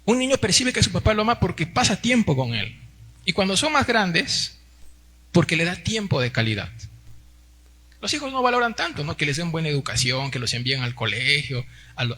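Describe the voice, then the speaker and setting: This Peruvian pastor, in his forties, speaks in a sharp voice on the high side. In his Sunday sermon, delivered in Peruvian Spanish, he calls the congregation brothers and frequently tags sentences with small questions.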